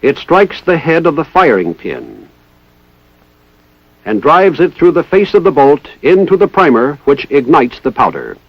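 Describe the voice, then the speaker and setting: Here a slightly high-pitched American man with a breathy edge and wildly swooping intonation reads a touch slowly. His narration is formal, methodical instruction in the vein of a 1960s military training film, enunciated with precision. The audio carries no echo and sounds like a dull, lo-fi 1960s soundtrack.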